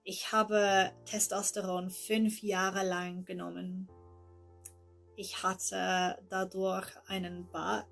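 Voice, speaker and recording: A woman in her twenties from England gives a recorded personal testimony in a gravelly voice kept flat and narrow in pitch. She talks very slowly and haltingly, pausing with care, and her English accent is shaped by her first language. Faint, soft music plays in the background.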